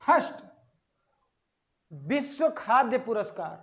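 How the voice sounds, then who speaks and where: A man teaching an exam-prep lesson on agriculture, asking the class questions and answering them himself, stretching out key words slowly. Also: extremely high pitch, sing-song, fairly bright tone. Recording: dull lo-fi audio.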